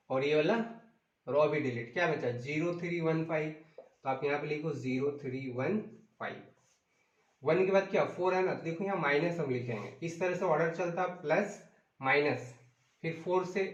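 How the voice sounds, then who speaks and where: A man's voice: on the high side, reverberant, lo-fi sound. A man teaching a math lesson, calling out sums, asking the class questions and mixing English into Hindi.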